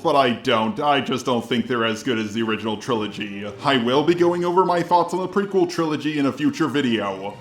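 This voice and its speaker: A man's voice: medium pitch, a bit bright, echoey room. A man speaking through a robot voice filter, giving dry, matter-of-fact editing asides in a video. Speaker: video creator adding editing notes. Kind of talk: voice-over correction in a video.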